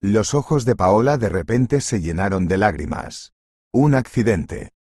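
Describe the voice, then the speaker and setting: A man narrating a scripted story in an even, measured reading. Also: fairly low pitch, no echo.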